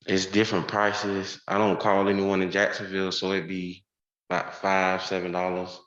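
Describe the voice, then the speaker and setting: A man in his twenties testifying as a defendant, giving hesitant, halting answers, heard on a courtroom recording. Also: sits low, monotone, fairly bright tone. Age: 20s. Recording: roomy, dull courtroom audio.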